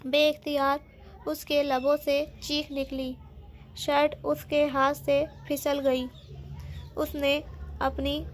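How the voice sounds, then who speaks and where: A woman narrating a novel as an audiobook in a steady, dramatic reading. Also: sits high, a little hiss or hum.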